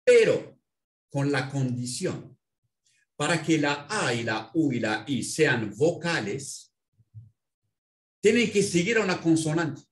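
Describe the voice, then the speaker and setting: Lively-voiced man explaining a language. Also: a little high, roomy sound. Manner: patient, explanatory, spells out words slowly. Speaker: Arabic language instructor. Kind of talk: explaining a language lesson in an interview.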